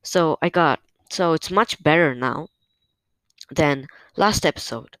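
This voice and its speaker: Recording a casual solo podcast update at home on a new stand-mounted microphone, a host speaks hesitantly and a little nervously, filling gaps with lots of fillers. The mid-range voice is animated yet slow and a bit bright, and the recording is dry.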